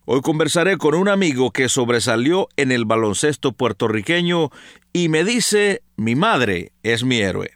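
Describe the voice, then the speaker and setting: A man hosting a radio interview, asking gentle, probing questions and affirming his guest with short interjections. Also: mid-range voice, big pitch swings, a little slow, no echo, clean studio sound. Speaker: radio host.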